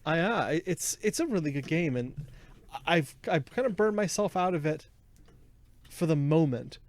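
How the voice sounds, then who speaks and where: A man's voice: on the high side, animated, moderate pace. A man co-hosting a casual gaming podcast, chatting playfully and joking with his co-host. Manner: playful, jokey, reads ad copy with mock drama.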